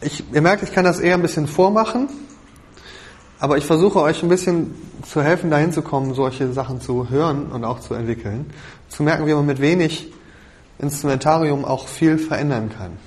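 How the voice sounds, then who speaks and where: A man's voice: fairly high pitch, brisk. A man leading a worship music workshop, explaining how to arrange songs for a band to a group. He thinks aloud, often checks in with "ja?" and hums the drum patterns. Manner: keeps checking with "ja?" and vocalizes drum rhythms. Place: rehearsal or workshop room with a group.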